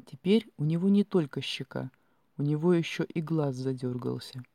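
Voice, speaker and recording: A man reading a first-person fantasy audiobook in an expressive storytelling manner. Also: a little high, normal speed, vocal fry, dry recording. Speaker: audiobook narrator. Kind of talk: scripted fiction narration.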